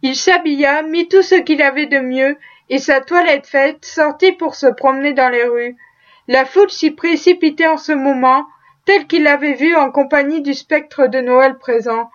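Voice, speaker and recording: A woman narrating a classic Christmas tale as an audiobook, measured and storytelling, lightly voicing the characters. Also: sits high, dull audio.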